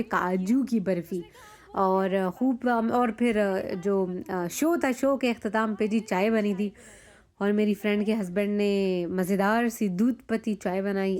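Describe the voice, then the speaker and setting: Chatty Pakistani woman vlogging casually. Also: medium pitch. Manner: chatty, animated storytelling with many fillers. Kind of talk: casual vlog narration.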